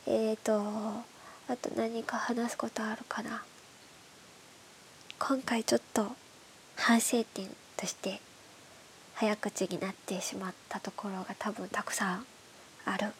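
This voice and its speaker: A woman with a stuffed-up, nasal voice from hay fever, hosting a bedtime radio show in soft, breathy, casual chat that often drops toward a whisper. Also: medium pitch, level tone, slow, pauses often, low-quality recording. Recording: clearly audible background hiss.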